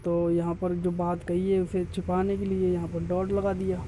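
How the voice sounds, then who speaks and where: A man's voice: high-pitched, completely flat delivery, normal speed, mellow, slight background noise. Man teaching a grammar lesson, many restarts. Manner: repeats and explains step by step, many restarts. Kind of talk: exam-prep grammar lesson.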